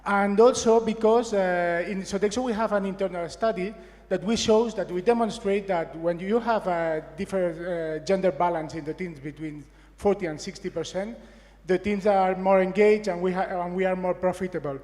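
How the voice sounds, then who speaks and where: Corporate male speaker, stop-start delivery, higher register, big reverberant hall. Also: fairly even intonation, darkish tone. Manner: halting, many restarts and fillers. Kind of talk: conference talk. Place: large conference stage.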